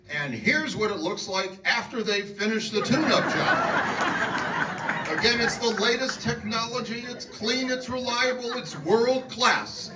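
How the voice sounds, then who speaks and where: Older man doing a hammy 1960s TV garage pitchman, high and loud, slow emphatic pitch, echoey hall recorded from afar. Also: exaggerated voice. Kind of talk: 1960s TV commercial announcing. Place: auditorium stage. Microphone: handheld mic. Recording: echoey hall, from far off, noisy.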